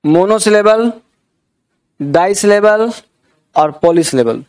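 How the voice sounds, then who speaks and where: Teacher, male, high-pitched, Indian accent, coaxing classroom delivery that keeps checking for understanding. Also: lively intonation, takes it slowly, a little mellow. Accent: Indian English words in Hindi. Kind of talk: classroom grammar lesson.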